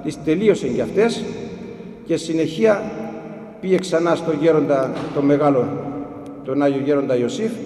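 A monk telling stories of monastic elders in an unhurried, halting way with frequent restarts. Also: male voice, on the high side, warm tone, a little hiss or hum. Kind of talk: storytelling talk about monastic elders. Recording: echoey hall with long reverb.

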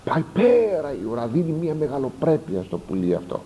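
A man preaching a sermon, reading passages aloud and explaining them with lively asides and sudden rises for emphasis. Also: on the high side, a little hiss or hum, rough recording. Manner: animated, rising sharply for emphasis, explanatory asides. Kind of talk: sermon expounding a text.

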